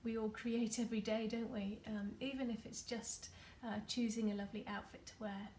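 Woman, meditation leader: soft, unhurried, slightly gravelly voice, level delivery, faint background noise. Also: a little high, flat delivery. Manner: soft, gentle, many fillers; often drops to a near whisper. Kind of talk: guided craft meditation. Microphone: computer or phone camera.

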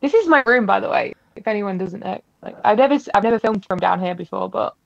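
A playful, teasing woman chatting as a guest on a live stream. Her voice has a gravelly fry to it. The audio comes through dull and lo-fi. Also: mid-range voice, animated, fast talker, no echo. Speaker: guest YouTuber. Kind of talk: casual chat.

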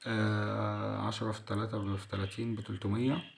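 Egyptian teacher repeating words slowly. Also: male voice, lowish voice, little pitch movement, gravelly, slight background noise. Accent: Egyptian Arabic. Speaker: English teacher. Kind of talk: explaining a school lesson.

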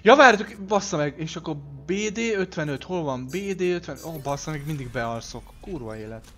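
Over faint background music, a man with a rather high voice narrates his own game in a casual let's play stream. He muses aloud, speaks to his viewers and lets out swears when he slips.

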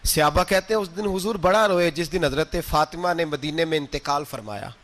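A man preaching an emotional sermon, swinging between loud exclamations and hushed tender passages, and chanting verses slowly. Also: on the high side. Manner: chants poetry slowly in a drawn-out singing way.

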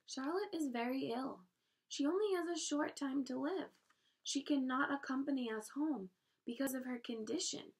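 A woman reading aloud, voicing a desperate young male pig who pleads in a high voice near tears. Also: moderate pace, creaky, recorded from a distance. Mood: pleading.

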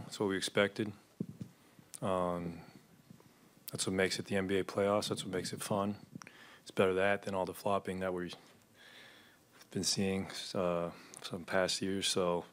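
This man in his thirties, a basketball player, responds to postgame press questions at a desk microphone in an arena press room. Delivery is flat, measured, and low-key, peppered with fillers.

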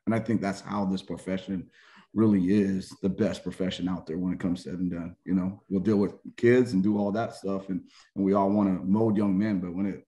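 Deep, flat-voiced coach from Hawaii. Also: male voice. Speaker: college football coach. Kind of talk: self-introduction on a video call. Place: home room indoors. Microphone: video call webcam.

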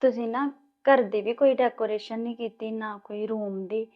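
A woman plays a worried new bride, asking hesitant questions in a slightly high voice. The sound is muffled and lo-fi. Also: steady tone, moderate pace, natural voice. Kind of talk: village family drama acting.

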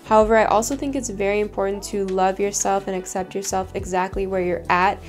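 A woman's voice: medium pitch, a little fast, faint music behind. Young woman giving casual fitness advice. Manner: earnest, relaxed, lots of "like". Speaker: fitness vlogger. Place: bedroom, home studio and parked car.

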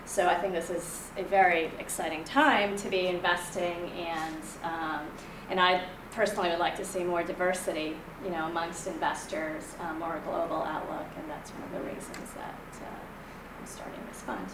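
A woman from Kenya in her forties, presenting to a room in a somewhat low, conversational voice full of ums and restarts. She is recorded from a distance, with an echoey room and clear background hum. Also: level tone, moderate pace, hardly any pauses. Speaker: venture investor giving a talk. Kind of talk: conference presentation. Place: meeting room in front of a projector screen. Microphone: room mic from a distant camera. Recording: echoey room, far from the mic, audible room noise.

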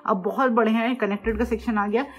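A man's voice: sits high, fairly even intonation, quick pace. A man hosting a casual, step-by-step tech tutorial, explaining in a chatty way and often checking in with viewers. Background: faint music playing from his phone.

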